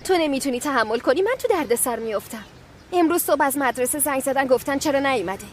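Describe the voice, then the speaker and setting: A woman's voice: high-pitched, lively intonation, slight background noise. An actress playing a nervous young schoolgirl who hesitates about meeting her boyfriend in a TV drama. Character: anxious young schoolgirl sneaking off. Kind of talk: TV drama dubbed dialogue.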